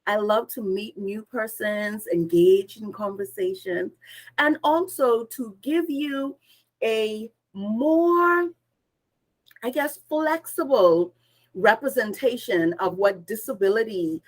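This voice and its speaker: A woman from the islands, a guest speaker introducing herself on a video call, energetic and expressive. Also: mid-range voice, takes it slowly, low-quality recording. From Bahamas. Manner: energetic, expressive, listing words in lively runs. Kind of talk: upbeat conversational self-introduction.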